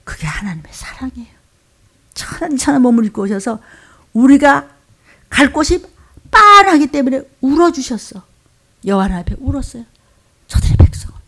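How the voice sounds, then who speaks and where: A woman pastor delivers a fervent, emotional sermon in a gravelly voice that sits fairly high. She swings from loud, urgent bursts to low, muttered asides as she preaches. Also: expressive, fairly quick, long pauses.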